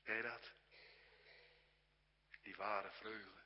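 A man preaching a sermon earnestly, shifting between hushed whispers and raised, exclaiming passages. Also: on the low side, flat delivery, extremely slow. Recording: dull sound with long hall reverb.

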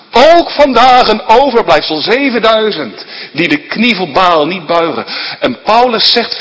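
Male pastor, fairly high voice, emphatic sermon delivery in a reverberant hall. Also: fairly bright tone. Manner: earnest, emphatic preaching.

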